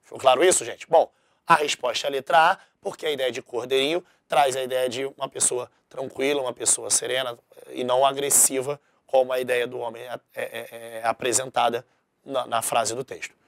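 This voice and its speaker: A man's voice: mid-range voice, fairly even intonation, fairly quick, dry recording. Male teacher, dry close sound. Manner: explanatory, keeps checking understanding with the class. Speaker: Portuguese language teacher. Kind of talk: recorded exam-prep lesson.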